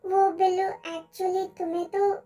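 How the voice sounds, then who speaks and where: A woman's voice: very high voice, little pitch movement, a little slow, mellow, soft background music. A woman voicing an emotional, remorseful young woman in an amateur fan dub, speaking in a pleading way. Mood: earnest.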